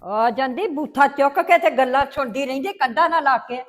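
A woman playing a mother-in-law in a family drama, scolding and sharp-tongued. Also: high-pitched, brisk, roomy sound. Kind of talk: scripted family drama acting.

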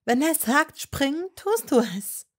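Here the performer raises her voice above its usual pitch into an exaggerated, fairly bright, animated delivery, speaking slowly. She's reading a fan story as a stubborn, desperate captive young witch who insistently pleads, urgent and challenging.

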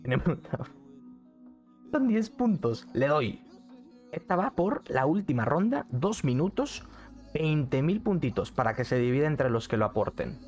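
A man's voice: fairly high pitch, very animated, unhurried, a little mellow, soft background music. A young man, chatting casually on a live stream from a neon-lit bedroom, repeating phrases and reading the chat aloud. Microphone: studio mic on arm, headset.

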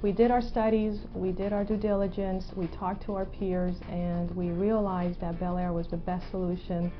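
A woman in her forties speaks as an IT director in a corporate testimonial, measured and businesslike. The audio is a little dull, with faint music beneath. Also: fairly low pitch, little pitch movement. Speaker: stadium IT director. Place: indoor studio before a logo backdrop.

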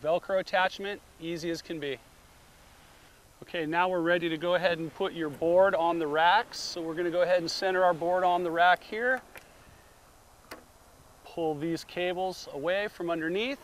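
A middle-aged man with a high-pitched voice and fairly even intonation demonstrates a roof rack, walking through it step by step at normal speed. He's outdoors at a beach beside a car, picked up on a camera mic with slight background noise, giving plain instructions as a product demonstrator.

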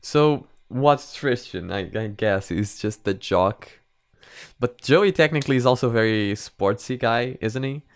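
In his twenties, this man hosts a reaction channel and chats casually from a small room at home, repeating himself for emphasis. His mid-range voice is smooth and unhurried, captured dry by a close microphone on a boom arm.

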